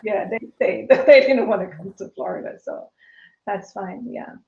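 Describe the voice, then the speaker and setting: Heard over crowd noise in a roomy, muffled recording, a woman in her fifties chats casually and laughs often as a live-stream guest. She owns a small business and speaks with a Jamaican accent blended with British and American sounds, her medium-pitched voice showing vocal fry at normal speed.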